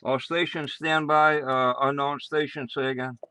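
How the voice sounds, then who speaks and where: A man's voice: fairly high pitch, level tone, normal speed, very noisy. A man with an American accent acting as amateur radio net controller, making casual announcements with rambling, muttered asides.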